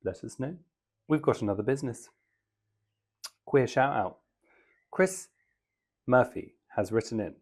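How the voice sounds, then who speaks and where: A man's voice: medium pitch, lively intonation, a little slow, long pauses, a little mellow. A man hosting a podcast, chatting casually and enthusiastically while reading out listener mail. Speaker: podcast host.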